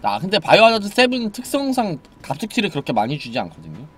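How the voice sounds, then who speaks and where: A man streaming a horror game live, chatting and joking with viewers, dropping to mumbles and then yelling in excitement. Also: sits high, fast, husky.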